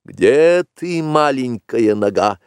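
Bagheera, a calm wise panther, man-voiced. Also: gravelly, no echo, studio quality, full character voice. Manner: calm, measured, low and slow.

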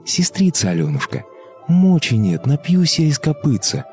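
Man acting a plaintive little fairy-tale boy, pitched up. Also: sing-song, normal speed, a little mellow, faint music behind. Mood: pleading. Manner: plaintive, singsong calling. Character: pleading little boy turned baby goat, plaintive.

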